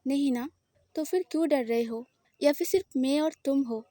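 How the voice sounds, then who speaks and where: A woman's voice: high voice, moderate pace, no echo, lightly acted. A woman voicing a protective, possessive woman who firmly reassures her frightened partner. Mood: firm, soothing. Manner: firm, reassuring, slightly louder. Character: possessive, protective woman lover, firm and soothing.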